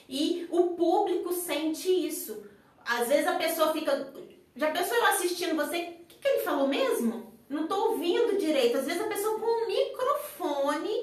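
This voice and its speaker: A Brazilian woman with a Brazilian Portuguese accent, a psychologist co-hosting a live chat, lays out her points in an easy conversational way. Her voice is high for a woman. She is heard from well off the microphone, with heavy echo around her. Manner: explanatory, conversational. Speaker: psychologist, co-host. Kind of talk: live-stream chat on public speaking. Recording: very echoey room, far from the mic.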